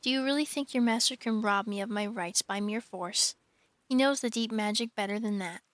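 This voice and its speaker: A woman reading aloud as a cruel, scornful witch, commanding and a touch louder than her narration. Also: on the high side, moderate pace, natural voice.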